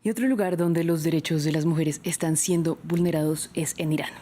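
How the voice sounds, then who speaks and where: A woman presenting a news program, interviewing a guest and reading the stories in a steady, measured way. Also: sits low, noisy background.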